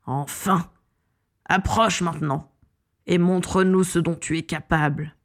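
A woman's voice: on the low side, fairly even intonation, unhurried, close to an everyday voice. A woman reading an audiobook voices a crazed male wizard villain who gloats, taunts and threatens. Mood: triumphant. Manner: taunting, triumphant, menacing. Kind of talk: audiobook character voice.

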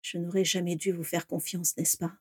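A woman voicing a cold, demanding boarding-school headmistress who speaks in a low, hard voice, in a dry recording. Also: lively intonation, normal speed, a little mellow, breathy edge, no echo.

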